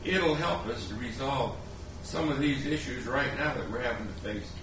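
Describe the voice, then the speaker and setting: A man's voice: medium pitch, normal speed. Earnest middle-aged man in a very echoey room. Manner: earnest, storytelling. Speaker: panelist, former missionary. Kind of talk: reflective talk to an audience. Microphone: distant room mic. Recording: very echoey, distant, hissy.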